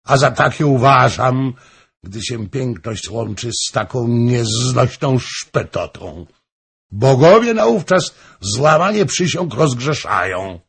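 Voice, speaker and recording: A man's voice: medium pitch, animated, slow pace, gravelly, a bit bright, breathy edge, pitched above the performer's own voice, heavily acted. A man voicing a passionate, pleading king in a storybook reading, raised and theatrical. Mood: ardent.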